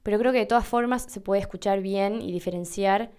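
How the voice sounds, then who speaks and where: A woman's voice: mid-range voice, a little fast, a little mellow, clean tone. A woman from Argentina with an Argentine accent, hosting a casual, chatty podcast on Spanish pronunciation and demonstrating sounds herself. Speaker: podcast host teaching Spanish.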